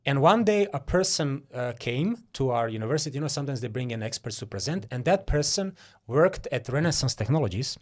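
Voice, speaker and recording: Man, from Croatia, interview guest, mid-pitched voice, chatty, restarts often. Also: expressive, fairly quick. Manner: chatty, many fillers and restarts. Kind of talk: casual interview talk.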